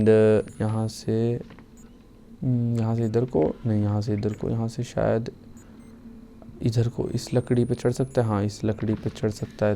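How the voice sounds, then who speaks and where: Swearing gamer mutters and yelps. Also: male voice, on the low side, gravelly, slight background noise. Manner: profane, jokey, mutters quietly then shouts when startled. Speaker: gaming YouTuber playing a horror game. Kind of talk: casual let's-play commentary.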